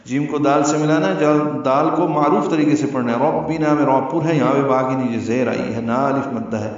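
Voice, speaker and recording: Male recitation teacher, methodical, chants verses slowly, muffled roomy sound from a distance. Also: mid-range voice, steady tone. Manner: explains rules step by step, then chants verses slowly. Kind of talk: tajweed lesson with recitation. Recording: echoey, distant, slightly dull sound.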